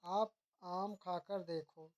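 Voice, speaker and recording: A woman teaching, reading out pairs of wrong and corrected grammar sentences in a steady, measured recitation, with occasional self-corrections mid-word. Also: lowish voice.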